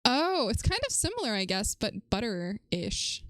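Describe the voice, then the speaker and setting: A woman live-streaming a game from home, chatting casually and rambling, prone to shrill startled shrieks. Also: very animated, moderate pace, a bit bright, no room sound, clean studio sound. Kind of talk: casual live-stream chat while gaming.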